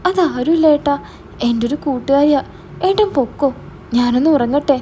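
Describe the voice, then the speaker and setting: A frightened teenage girl, as a woman puts her on stumbles over her words and begs in a high, anxious voice. The tone stays soft and mellow rather than sharp, and there is a faint hiss behind it in this storybook reading. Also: normal speed, lightly acted. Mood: scared pleading. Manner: hesitant, stammering. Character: teenage girl, younger sister, scared and pleading.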